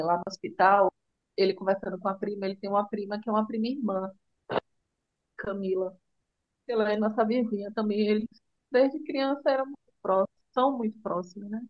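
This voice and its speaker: A middle-aged woman with a Brazilian Portuguese accent, telling her son's illness story in a tender, halting way with many restarts. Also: mid-range voice, no echo, muffled recording. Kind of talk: emotional personal storytelling.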